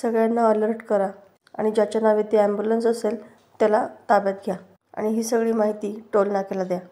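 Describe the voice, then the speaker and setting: A woman's voice: medium pitch, level tone, fairly quick, dark tone, lightly acted. A woman voicing a stern male police inspector who issues orders, read in a recap. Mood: commanding. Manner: commanding, issuing orders.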